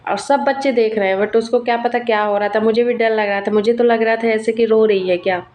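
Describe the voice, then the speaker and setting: A woman's voice: on the high side, steady tone, brisk, darkish tone. A young woman vlogger and mother, narrating casually in a chatty storytelling way. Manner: chatty, storytelling, laughs often.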